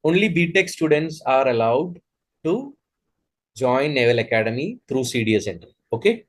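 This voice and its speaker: Coaching students online, this exam coach, a man in his thirties, speaks Indian-accented English at a moderate pace. His mid-range voice is expressive. He comes across as earnest and hesitant, with many false starts.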